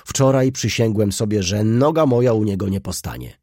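A man voicing a hot-tempered, proud middle-aged shopkeeper who bursts out loudly and indignantly. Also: lowish voice, moderate pace, no echo, clean studio sound, lightly acted. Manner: loud, indignant outbursts.

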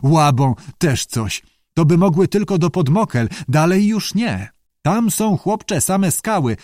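A male audiobook narrator voices a stubborn old father, pitching his voice higher than his own natural register, a little high and mellow, very animated, at a measured pace. The father is dismissive, scolding his son before turning shaky and fearful. The recording is dry and studio-clean.

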